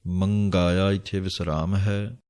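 A man teaching how to recite scripture, chanting each verse line slowly and then explaining how to pronounce it. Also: low-pitched, flat delivery, darkish tone. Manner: slow chanted reading of verse lines between spoken explanations. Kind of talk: recitation lesson with pronunciation notes.

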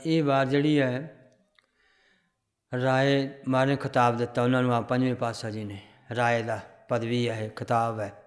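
A man teaching a religious class, calmly explaining scripture and its history. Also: mid-range voice. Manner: recites verses slowly in a chanting tune, then explains calmly.

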